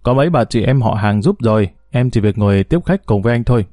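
Brief: narrator playing a smooth-talking gangster in an audio story, rapid and a bit lower, dark dry tone. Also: male voice, animated, no room sound, natural voice. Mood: coaxing. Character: middle-aged gangster man, brash and coaxing.

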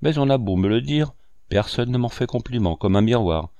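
A man's voice: mid-range voice, lively intonation, normal speed, mellow, no room sound, dull audio, natural voice. A man voicing a vain, fussy young married woman who chatters petulantly about herself in a storybook reading. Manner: petulant, self-absorbed chatter.

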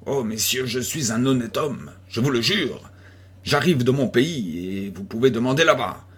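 A man's voice: mid-range voice, animated, moderate pace, husky. A man voicing a terrified young male servant who pleads through sobs in a storybook reading. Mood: sobbing plea.

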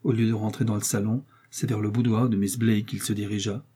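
Husky mellow man reading a novel. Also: lowish voice, little pitch movement, brisk. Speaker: audiobook narrator. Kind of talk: literary narration.

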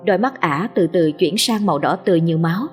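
A woman storyteller reading a horror tale in a steady, dramatic narrating voice. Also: fairly low pitch, fast talker, soft background music.

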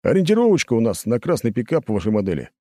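A man voicing a fawning male traffic police lieutenant who talks fast and over-politely in an audiobook. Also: mid-range voice, wildly swooping pitch, mellow, dry recording, studio quality, voice pushed up. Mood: ingratiating. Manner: rapid, obsequious and over-polite.

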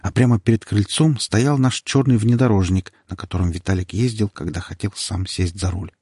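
Husky low-voiced male audiobook reader. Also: moderate pace, no echo, clean studio sound. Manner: steady, dramatic storytelling. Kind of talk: first-person audiobook narration.

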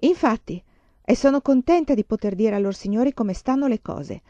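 A woman voicing a spiteful, angry young schoolteacher in a shrill, indignant tone. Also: huge pitch swings, fairly quick, mellow, dry recording. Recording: dull, dry lo-fi audiobook recording.

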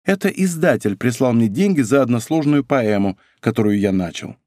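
A man's voice: mid-range voice, expressive, normal speed, a little mellow, no echo, studio quality, lightly acted. A man voicing a dreamy, guarded young musketeer.

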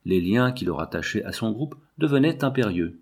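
A man narrates a novel as an audiobook in a low, husky voice. His reading is measured and even.

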